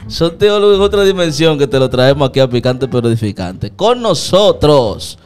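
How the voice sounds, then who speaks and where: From a small studio lit in purple, a young man hosts a podcast in casual Spanish, wearing headphones and speaking into a studio mic on a stand. He playfully teases and hypes his guest in a casual interview. His voice is slightly high, very animated, smooth and a little mellow, at normal speed.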